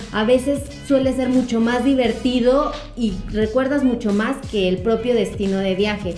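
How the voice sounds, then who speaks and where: Upbeat young woman, mellow voice. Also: on the high side, roomy sound. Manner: upbeat, announces numbered tips. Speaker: travel vlogger. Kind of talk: casual advice to camera. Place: living room, indoors.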